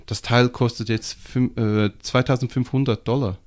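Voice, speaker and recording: A man with a Swiss German accent, a comic shop owner talking casually as a podcast guest, animated and full of fillers and restarts. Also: medium pitch, normal speed. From Switzerland.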